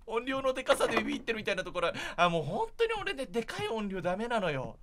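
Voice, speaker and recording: A man's voice: high voice, big pitch swings, fast talker. Male gaming streamer, casual and jittery, talks to viewers with very varied intonation, slight background noise. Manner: jittery, chatty, talking to the viewers. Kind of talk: casual gameplay commentary.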